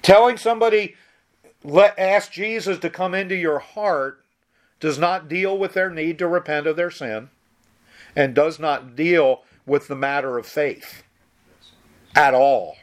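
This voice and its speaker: A man's voice: fairly high pitch, unhurried. A man preaching a sermon, reading Bible verses aloud and explaining them in an emphatic, conversational way with frequent restarts.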